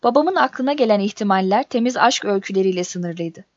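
A woman reading a first-person story aloud in a steady, measured audiobook narration. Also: mid-range voice, no room sound. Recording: dull dry recording.

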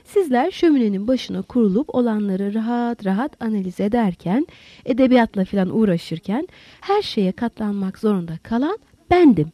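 A woman's voice: a little high, lively intonation, moderate pace, dark tone, no room sound. A woman voicing an agitated, weary middle-aged male doctor in an audiobook, emotional and defensive. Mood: bitter.

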